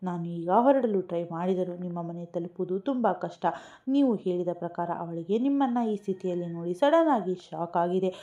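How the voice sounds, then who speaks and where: A woman voicing a calm male family doctor who gives advice in a steady, reassuring way. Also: on the low side, moderate pace, lo-fi sound, close to an everyday voice.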